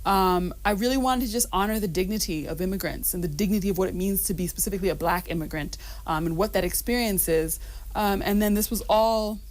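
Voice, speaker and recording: A woman's voice: medium pitch, fast. Earnest woman guest in radio studio. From Rwanda and Uganda, raised mostly in the United States. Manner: thoughtful, earnest, frequent ums and laughs. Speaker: guest singer-songwriter.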